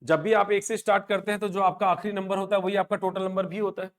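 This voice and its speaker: Male coaching teacher, 30s, higher-pitched voice, chatty and motivating, calls on students by name. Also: level tone, fast. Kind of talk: live online class lecture.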